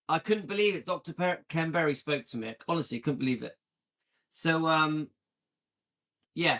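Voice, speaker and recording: In a slightly high, sharp voice, a man from the UK in his late fifties hosts a livestream. He talks with viewers casually and with enthusiasm, regularly checking in by asking "yeah?".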